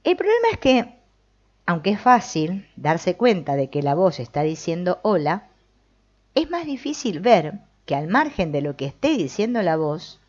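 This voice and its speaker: A woman's voice: fairly low pitch, sing-song, normal speed, muffled recording. A woman giving a reflective spiritual talk, commenting on a text she reads and asking the listener questions. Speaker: spiritual teacher.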